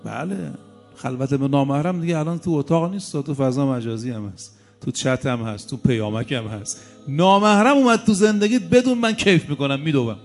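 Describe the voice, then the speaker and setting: A man voicing a scheming, boastful male Satan inside a sermon story, higher and louder than his own voice. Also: faint music behind, close to an everyday voice. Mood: sly.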